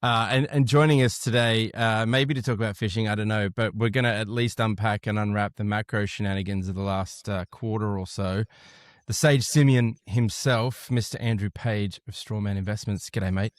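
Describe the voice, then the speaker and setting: A man's voice: on the low side, steady tone, moderate pace, dry recording, clean studio sound. A man with an Australian accent, hosting a casual podcast with jokey, upbeat greetings. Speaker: podcast host.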